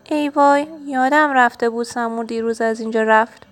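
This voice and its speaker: A woman's voice: high-pitched, pitched above the performer's own voice. A woman reading a storybook, voicing a friendly, eager male bear who coaxes his friend to play.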